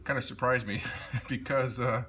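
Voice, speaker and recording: A man's voice: mid-range voice, fairly even intonation, moderate pace, fairly bright tone, a little hiss or hum. A man doing a casual workshop how-to, easygoing and thinking aloud with fillers, recorded on a propped-up phone in a home workshop. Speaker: hobbyist motorcycle restorer. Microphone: phone propped in a holder.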